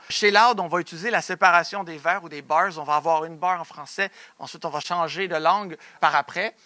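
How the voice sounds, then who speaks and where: At an academic conference, a young Montreal doctoral researcher with a Québécois French accent speaks in a high-pitched, pushed, bright voice with no room sound. His delivery is halting, with many hesitations and restarted sentences.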